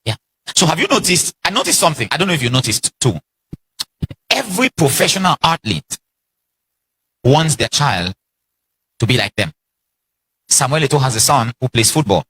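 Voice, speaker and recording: A man's voice: mid-range voice, sing-song, moderate pace, pauses often, pushed and bright. A man giving a motivational seminar talk, exhorting the audience with repeated lines and questions. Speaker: seminar speaker.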